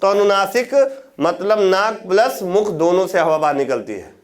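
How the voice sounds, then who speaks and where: A man with a fairly high voice teaches a grammar class. He poses questions to his students and answers them himself. He drags out example words to show how they sound. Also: expressive. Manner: demonstrates sounds by repeating words slowly. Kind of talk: classroom lecture on Hindi grammar.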